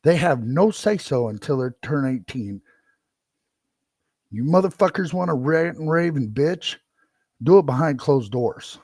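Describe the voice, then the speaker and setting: A man's voice: fairly high pitch, animated, a little slow, darkish tone, breathy edge, no echo, studio quality. A middle-aged man hosting a podcast, ranting angrily, swearing and repeating himself. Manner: profane, heated and repetitive. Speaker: podcast host. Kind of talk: angry solo rant.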